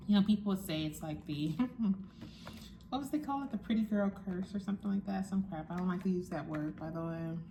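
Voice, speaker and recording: A young woman vlogger with a voice on the low side chats casually to her viewers while she eats, sounding frank and musing. The recording has a little hiss or hum.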